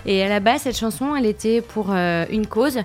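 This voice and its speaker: A woman's voice: mid-range voice, normal speed, a little mellow, soft background music. A woman contributing to a radio show, telling a story in a chatty, amused way. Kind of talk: casual on-air chat.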